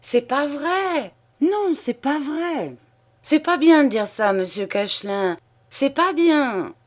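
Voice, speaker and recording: Woman doing a shrill flustered old man. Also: expressive. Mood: dismayed. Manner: slow, shrill, pleading repetition.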